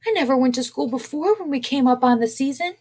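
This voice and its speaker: A woman voicing an eager eight-year-old girl in a read-aloud storybook, speaking in a high, pleading way. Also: expressive, fast, a little mellow.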